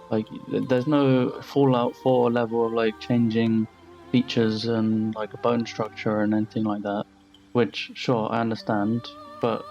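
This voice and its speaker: A man's voice: medium pitch, vocal fry, darkish tone. A young man casually commenting over his gameplay as a channel host, rambling and blunt with frequent swearing. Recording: slightly dull lo-fi voice-over.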